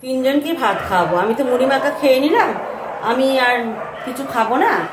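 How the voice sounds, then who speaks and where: A soft-spoken woman in her thirties, chatting casually to her phone camera at home in a vlog and grumbling good-naturedly about chores. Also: high-pitched, lively intonation, normal speed. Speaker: vlogger. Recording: echoey room with faint ambient noise.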